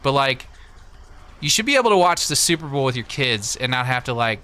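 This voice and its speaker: This American man from Missouri hosts a livestream with a mid-range voice that's very animated and a little fast, pushed and bright, clear and resonant. Conversational and opinionated, he responds to viewers through a close desktop USB mic.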